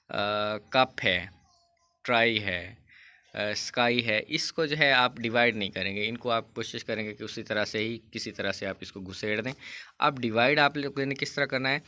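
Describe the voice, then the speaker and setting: A man teaching a grammar lesson in with a flavour, reading English rules aloud slowly and explaining them with many fillers. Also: fairly low pitch, bright, forceful tone, clear, resonant tone.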